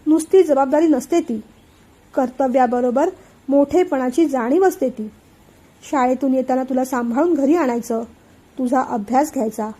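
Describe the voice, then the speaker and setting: An emotional young elder brother pours out his feelings in an earnest, heartfelt way, as a woman reads his part. The voice sits high but mellow. It is a storybook reading. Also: natural voice.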